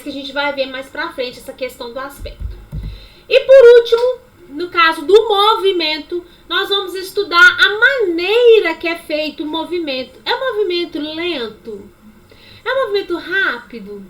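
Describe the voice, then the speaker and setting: A woman gives an online lesson, her voice very high and bright. She demonstrates each point with animated, repeated examples. She talks straight into a webcam. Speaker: sign language teacher. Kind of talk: online lecture.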